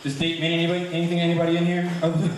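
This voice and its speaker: A man's voice: a little high, completely flat delivery, racing. A man from doing a chatty stand-up comedy set in a comedy club, teasing the crowd. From Brooklyn, New York. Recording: echoey live club recording from far off, crowd noise.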